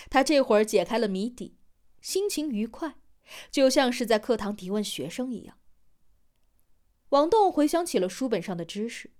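A woman narrating a novel as an audiobook in measured storytelling style, giving voice to every character. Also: a little high, darkish tone.

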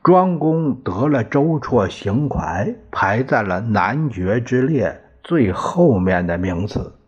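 Slow, husky male storyteller. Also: medium pitch, big pitch swings, a little mellow. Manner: colloquial, leisurely, wry asides. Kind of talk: storytelling narration of a historical novel. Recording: dull lo-fi recording.

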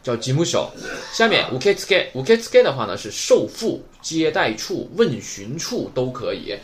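A man's voice: medium pitch, big pitch swings, unhurried, slight background noise. A man from Northeast China teaching a Japanese vocabulary lesson, explaining patiently and asking rhetorical questions as he goes.

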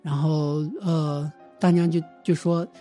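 Mellow-voiced man retelling a story. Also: on the high side, little pitch movement, soft background music. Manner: loose, halting retelling with frequent restarts. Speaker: guest storyteller. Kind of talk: casual spoken storytelling of a real ghost experience.

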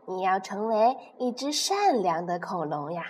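A woman voicing a gentle pterosaur mother in a children's storybook reading, soft and soothing. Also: high voice, big pitch swings, unhurried, a little hiss or hum, exaggerated voice. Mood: tender.

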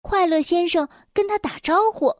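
A young woman reading a children's story aloud, gentle and expressive, speaking directly to the children. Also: very high-pitched, moderate pace, no echo, studio quality.

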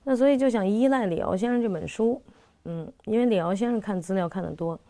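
A woman who works as a theatre director and playwright, recounting her work in a lively, conversational way with frequent restarts and fillers. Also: mid-range voice, fast.

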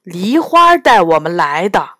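A gruff, proud palace beast with a dragon's body and bull horns, as a woman reading a storybook puts him on. He talks bluntly and with scorn, pitched well below her own voice. The pace is slow and the sound is dry and close. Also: very animated, a bit bright, dry recording. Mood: puzzled. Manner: blunt, scoffing.

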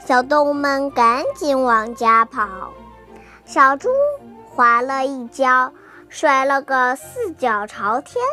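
A woman telling a bedtime story for small children, gentle and sing-song. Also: high voice, slow pace, faint music behind.

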